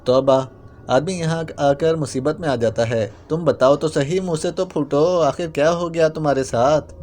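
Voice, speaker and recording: A man's voice: on the high side, dark tone, slight background noise, close to an everyday voice. A man voicing an exasperated, hot-tempered young woman agent who scolds sharply.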